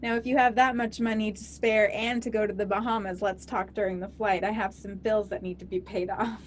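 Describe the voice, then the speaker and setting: A woman's voice: mid-range voice, flat delivery, fairly quick, a little hiss or hum, close to an everyday voice. A woman playing a sassy, wisecracking flight attendant who slips cheeky asides into the safety talk. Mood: mocking. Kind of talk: comedy sketch acting.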